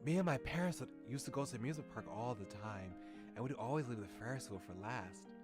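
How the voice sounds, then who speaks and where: A man voicing a cheerful, gentle teenage boy who talks earnestly and a little wistfully. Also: medium pitch, animated, fast talker, over music, close to an everyday voice.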